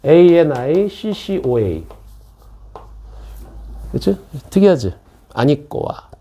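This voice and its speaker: A middle-aged man teaches math at an academy, keeping things informal with jokes and asides to the class between explanations. He sounds very animated and a bit fast, with a fairly high, dark and husky voice.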